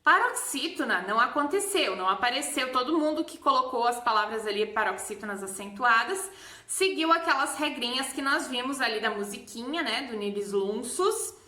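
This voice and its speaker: A woman teacher with a Brazilian Portuguese accent patiently explaining a grammar lesson, repeating example words slowly. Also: on the high side, lively intonation, sharp tone. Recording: echoey room.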